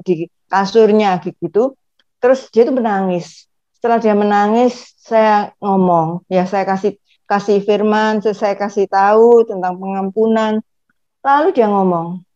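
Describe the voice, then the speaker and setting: A woman speaks earnestly in an online church Q&A, repeating phrases as she tells her story. Her voice sits at a middling pitch. The call audio is dull and muffled. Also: a little mellow. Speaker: congregant asking a question.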